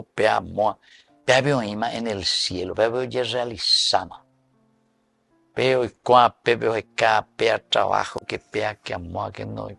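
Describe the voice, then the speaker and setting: Man, Paraguayan accent, preaching, gravelly, faint music under. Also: medium pitch, no echo. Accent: Paraguayan Spanish. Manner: lively preaching with sudden loud and soft swings. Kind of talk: sermon mixing Guarani and Spanish.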